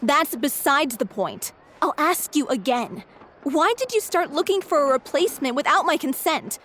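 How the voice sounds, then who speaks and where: An actress playing a proud, determined lead actress in a video game, firm and indignant. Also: female voice, sits high, expressive, normal speed, a bit bright, slight background noise. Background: game music.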